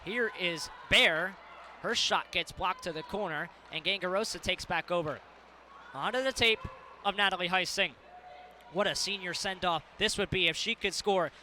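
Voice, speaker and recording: This early-twenties sports broadcaster has a high, bright, forceful voice with slight background noise. He calls hockey play-by-play and also narrates scripted sports news.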